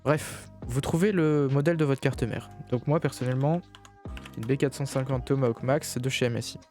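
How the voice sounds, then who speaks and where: A man hosting a screen-recorded computer tutorial, talking in a relaxed, chatty way with frequent hesitations. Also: medium pitch, normal speed, soft background music. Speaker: PC hardware tutorial host.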